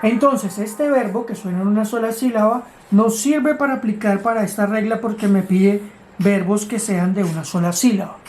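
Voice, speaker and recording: A woman's voice: mid-range voice, a little mellow. A woman teaching grammar, explaining rules step by step in a patient way and asking her students questions. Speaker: English teacher.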